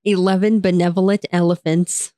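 A woman's voice: on the low side, level tone, normal speed, warm tone, no echo, studio quality. A woman in casual chat trying tongue twisters, laughing often between words.

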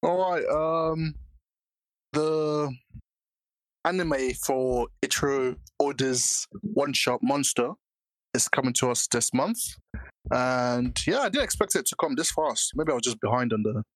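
A man's voice: mid-range voice, unhurried, dry recording, rough recording. A male podcast co-host talks. His delivery is informal and slangy, recorded very dry without room sound. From Britain. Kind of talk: casual podcast chat.

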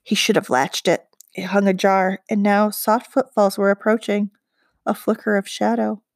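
A woman reading a children's book aloud with expressive, measured narration. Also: medium pitch, creaky, no echo, clean studio sound. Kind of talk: storybook read-aloud narration.

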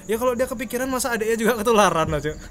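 A man's voice: very high-pitched, animated, very fast, fairly bright tone. A young man, bantering and teasing as a casual podcast co-host. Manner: teasing, interjecting. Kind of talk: casual chat, slangy banter.

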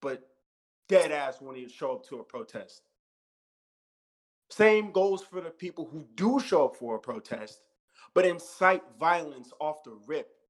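A man with a higher-leaning, expressive voice speaks unhurriedly and pauses often, captured on a rough recording. An American in his thirties, he co-hosts a podcast in an impassioned, casual way, cursing freely, stressing his points and going over them again.

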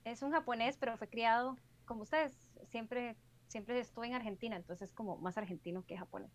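A woman's voice: on the high side, a little fast. A woman telling a story in an easygoing way during a casual chat with friends.

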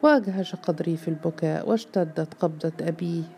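Low-voiced woman narrating a novel. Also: gravelly, warm tone, a little hiss or hum. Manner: measured, dramatic storytelling.

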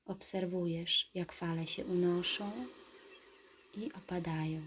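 A woman guides a meditation in a soft whisper, giving calm, soothing instructions very slowly in a lowish voice, with a faint hiss behind her.

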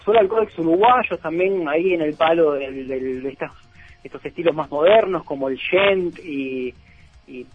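A somewhat high, husky man talks about music as a radio guest. He hesitates often, filling gaps and restarting words. The sound is dull and lo-fi. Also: moderate pace. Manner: hesitant, many fillers. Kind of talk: radio interview talk.

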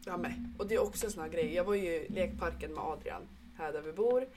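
A woman and mother, co-hosting a casual podcast chat, telling stories in a lively way and swearing now and then. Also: fairly low pitch, noisy background. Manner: lively storyteller who swears. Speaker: podcast co-host; mother of a young son.

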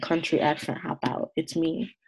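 A woman in her twenties from the American South with a Southern accent, co-hosting a podcast in casual chat, expressive and mock-exasperated. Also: low-pitched, normal speed, gravelly, slightly rough. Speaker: podcast co-host.

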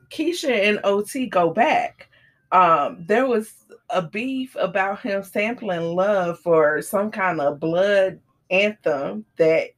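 A woman co-hosting a casual celebrity gossip chat, telling stories with animated, dramatic retellings. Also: mid-range voice. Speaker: podcast co-host.

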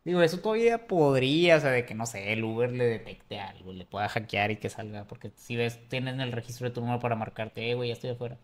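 A man's voice: medium pitch, fast talker, hardly any pauses. A man, co-hosting a casual podcast, reasoning things through skeptically. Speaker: podcast co-host. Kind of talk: casual chat.

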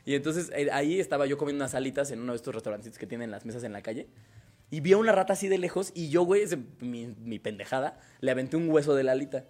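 A man's voice: mid-range voice, lively intonation, a little mellow. A man with a Mexican Spanish accent, co-hosting a casual chat and telling stories in a slangy, swearing way. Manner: fast slangy storytelling with swearing. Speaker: co-host.

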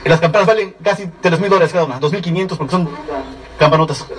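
A middle-aged man from Mexico with a Mexican Spanish accent gives an animated testimonial talk to a seminar audience, telling stories at a rapid clip and checking in with his listeners. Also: fairly high pitch, recorded from a distance, low-quality recording. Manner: rapid, animated storytelling with frequent "¿sí?" check-ins. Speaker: seminar speaker.

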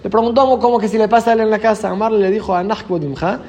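High-voiced man teaching Talmud. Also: very fast, a little hiss or hum. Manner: reads a phrase then explains it, steady explanatory rhythm. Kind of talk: daf yomi lesson, reading Aramaic and translating.

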